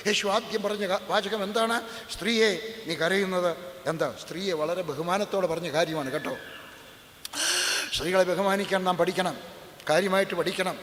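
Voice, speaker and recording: A man's voice: sits high, fairly bright tone. A middle-aged man from Kerala preaching a sermon, emphatic and repetitive with humorous asides. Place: church hall. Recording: echoey church hall, faint noise.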